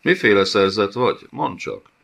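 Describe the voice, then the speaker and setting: A man voicing a fat, cruel warlord in an audiobook, with a raspy throat and a sneering, mocking manner. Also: fairly low pitch, lively intonation, a bit bright, voice pushed up, heavily acted. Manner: sneering, scornful.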